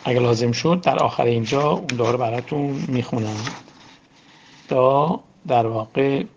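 A man's voice: mid-range voice, vocal fry, dull audio, slight background noise. A man giving an informal religious lecture, talking conversationally and often asking his listeners questions. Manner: conversational, asks the audience questions. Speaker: religious teacher.

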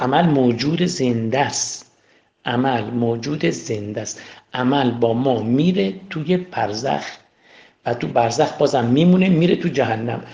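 A man's voice: a little high, darkish tone, muffled recording. A man teaching a spiritual class in a lecture style, asking rhetorical questions and repeating key words for emphasis. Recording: roomy echo.

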